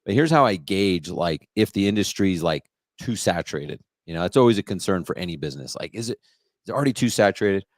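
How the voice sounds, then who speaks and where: A man's voice: low-pitched, lively intonation, fast talker, dry recording, studio quality. A middle-aged man with a confident, explanatory manner, talking about his business in a casual interview. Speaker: lighting business coach.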